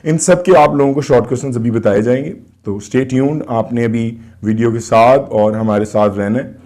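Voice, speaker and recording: A man with a Pakistani accent teaching a class nine English lesson, reading English slowly and explaining quickly in Urdu. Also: medium pitch, a little mellow. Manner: addresses students directly, asks and answers his own questions.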